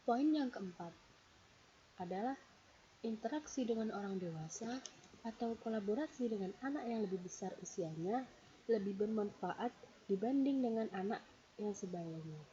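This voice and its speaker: A woman's voice: mid-range voice, lively intonation, normal speed, long pauses, mellow. A woman giving a read-out lecture presentation, explaining steadily and counting off her points one by one. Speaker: presenter explaining a psychology theory. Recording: dull lo-fi recording with faint hiss.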